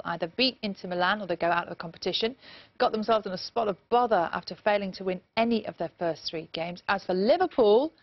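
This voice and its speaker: A woman presenting a breakfast news sports bulletin in a brisk, chatty way. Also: mid-range voice, no room sound, muffled recording. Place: TV studio.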